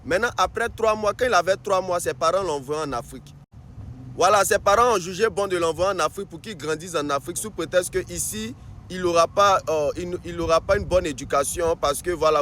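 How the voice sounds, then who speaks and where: A man's voice: high-pitched, a bit bright, a little hiss or hum. A man from Africa talking casually to the camera in an advice vlog, often repeating himself and restarting sentences. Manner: repetitive, restarts sentences, keeps saying "voilà". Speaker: vlogger.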